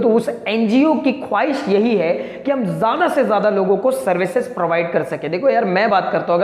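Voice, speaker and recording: A man's voice: high-pitched, a little mellow. Male teacher in a reverberant room. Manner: asks the class questions and answers them himself, stretching out key terms; mixes Hindi with English terms. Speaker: commerce teacher. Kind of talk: accounting lecture to students. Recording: echoey room with long reverb.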